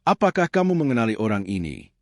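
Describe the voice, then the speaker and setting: A man voicing an old sect master who speaks calmly, unreadably and with a superior tone. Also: medium pitch, fast talker, no echo, clean studio sound. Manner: calm, unreadable, condescending.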